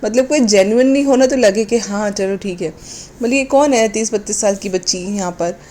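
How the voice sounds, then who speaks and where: A woman delivers a sarcastic, mocking vlog commentary in a mellow, warm voice, dropping English phrases into her talk. Faint noise sits underneath. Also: medium pitch, a little fast. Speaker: commentary vlogger.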